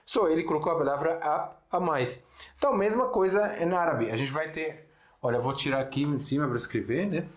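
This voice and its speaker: A man's voice: on the high side, brisk. Man teaching in a roomy echo. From Syria. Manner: patient, repeats words and checks in with "né?". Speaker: Arabic teacher. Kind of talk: casual language lesson.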